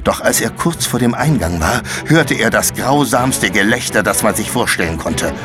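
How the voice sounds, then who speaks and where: A man narrating a fantasy audiobook chapter in a measured, dramatic storytelling manner. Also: fairly low pitch, animated. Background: faint music.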